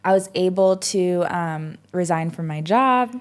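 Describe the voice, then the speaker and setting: Woman, twenties, podcast guest; slightly low voice, loose reflective chat with frequent "um" and "like". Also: a little slow, smooth. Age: 20s. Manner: reflective, rambling with many fillers and restarts. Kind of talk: casual conversational interview.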